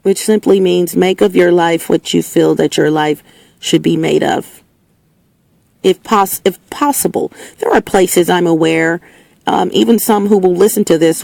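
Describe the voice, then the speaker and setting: A female host gives a casual, opinionated monologue at a moderate pace, sounding preachy and emphatic and often backing up to repeat herself. Her slightly hoarse, lower-than-usual voice holds a steady, darkish tone. She uses a recording setup with a level meter, and the sound has no echo.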